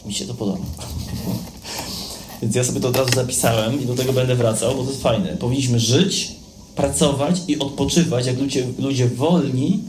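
A man preaching a sermon in a conversational way, often checking in with his listeners. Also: mid-range voice. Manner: conversational, addresses listeners directly with frequent "tak?". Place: church hall with a live audience. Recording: echoey hall with background noise.

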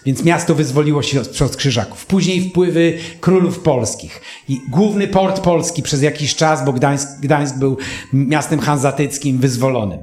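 A man in his fifties from Poland preaches a sermon and tells a personal story in an earnest, emotional way. He often turns to speak straight to his listeners. His voice sits a little high for a man and rings in a roomy, echoey space. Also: a little slow, a little mellow.

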